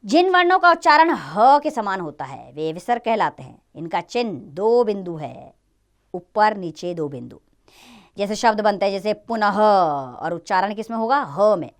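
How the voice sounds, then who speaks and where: A woman's voice: medium pitch, very animated, normal speed. A woman teaching a grammar lesson to children, explaining step by step and asking and answering her own questions.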